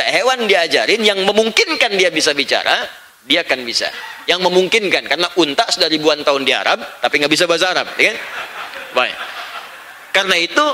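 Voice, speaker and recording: Animated, bright-voiced man lecturing. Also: high voice. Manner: animated, emphatic lecturing with rhetorical questions; mimics foreign speech when giving examples. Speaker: Islamic religious teacher. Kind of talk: religious study lecture.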